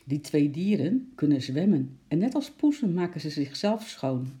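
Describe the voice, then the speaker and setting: Hearty zookeeper uncle, loud and explaining, very dark mellow tone, read by a storybook narrator. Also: medium pitch, sing-song, moderate pace, natural voice. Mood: proud. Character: friendly, proud adult uncle, zookeeper.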